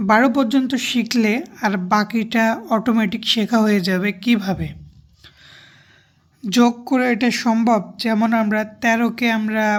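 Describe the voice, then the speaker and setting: Woman explaining a language lesson slowly, a bit high voice, asks rhetorical questions. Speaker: language teacher.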